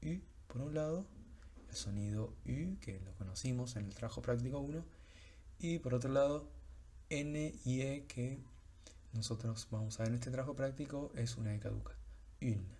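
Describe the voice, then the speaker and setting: Patient, husky-voiced male teacher. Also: medium pitch, normal speed, warm tone. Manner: patient, explanatory, with frequent fillers. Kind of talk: recorded lecture on French pronunciation.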